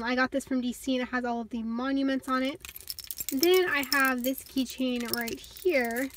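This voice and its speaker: This is a casual car-tour video in which a young woman, a vlogger, chats brightly about her parked car while holding her phone to record. Her high voice has a fairly bright tone, and she keeps things upbeat with little laughs.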